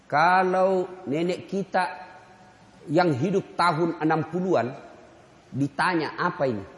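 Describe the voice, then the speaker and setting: A man preaching a lively sermon, firing rhetorical questions at the audience and joking. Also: high-pitched. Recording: echoey hall reverb.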